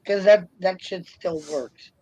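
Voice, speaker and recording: A man's voice: high-pitched, slow pace, dark tone, dry recording, low-quality recording. A man chatting casually, laid-back and jokey, with short replies. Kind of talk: casual chat.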